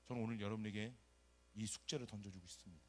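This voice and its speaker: A middle-aged man from South Korea, a pastor preaching a sermon and telling his own story, animated and acting out the people he quotes. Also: lowish voice, quick pace. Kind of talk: sermon with personal testimony.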